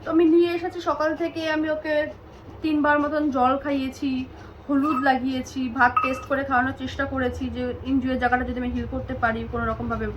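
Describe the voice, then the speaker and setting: Woman, high voice, home vlog, soft coaxing tone, hesitant, shaken and on the edge of tears. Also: level tone, fairly quick, background noise. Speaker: mother and vlogger.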